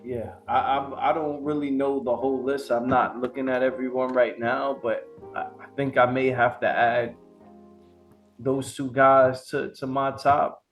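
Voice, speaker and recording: A man co-hosting a casual boxing podcast, ranting in a heated, profane, animated way. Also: mid-range voice, a little slow, soft background music. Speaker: podcast co-host.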